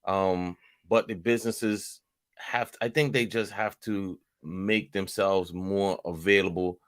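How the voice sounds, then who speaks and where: A man co-hosting a casual daily talk show, relaxed and offhand. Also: sits low, slow.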